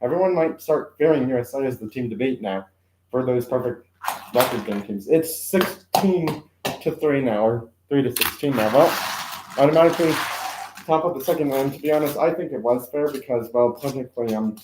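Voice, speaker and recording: A man's voice: medium pitch, brisk, echoey room, background noise. Rambling man commentating on toy car games. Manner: rambling, self-correcting, lots of "um" and asides. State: occasional coughing. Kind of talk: casual live-stream commentary. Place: room at home.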